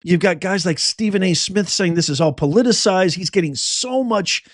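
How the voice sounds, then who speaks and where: Middle-aged guy ranting about the news, kinda high voice, dry close sound, reads stuff out then jumps in with blunt takes. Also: normal speed, dry recording. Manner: animated, reading reports aloud with blunt asides. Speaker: host. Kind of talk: opinionated news commentary.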